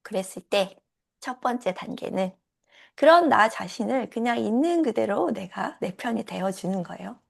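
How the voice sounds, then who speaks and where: Heavily gravelly-voiced woman coach. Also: a little high, expressive, normal speed. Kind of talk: casual coaching talk.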